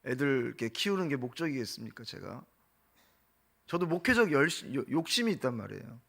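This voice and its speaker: A man's voice: medium pitch, big pitch swings, fairly quick, vocal fry, a bit bright, husky. A middle-aged man preaching a dawn prayer sermon as pastor, impassioned, firing off rhetorical questions and acting out quotes. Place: church sanctuary.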